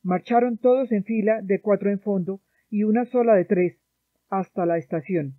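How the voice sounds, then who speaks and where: A woman from Colombia reading a novel aloud in a measured, sombre narration, heard through a dry, tinny phone-like sound. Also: mid-range voice, dry recording. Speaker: audiobook reader. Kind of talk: literary narration.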